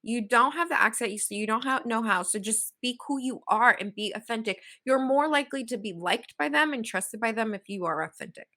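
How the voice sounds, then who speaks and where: A woman with a Valley Girl accent speaks in a bright, slightly high voice. She co-hosts a casual podcast discussion, earnest and reflective, often checking in with listeners and co-hosts. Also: fairly quick, few pauses. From Hawaii. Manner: earnest, reflective, frequent "right?" tags. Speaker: podcast co-host.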